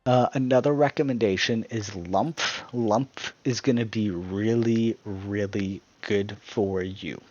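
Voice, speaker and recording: A man's voice: fairly low pitch, steady tone, slow, hardly any pauses, dull audio. A man giving a casual, rambling tutorial on game tactics, often restarting his sentences. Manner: rambling, self-correcting, breaks into laughter at his own jokes. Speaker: gaming guide creator.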